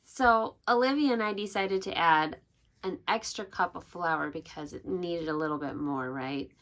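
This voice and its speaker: The woman reading to a preschool group has a fairly low voice and a moderate pace; she reads with feeling and often asks the kids questions.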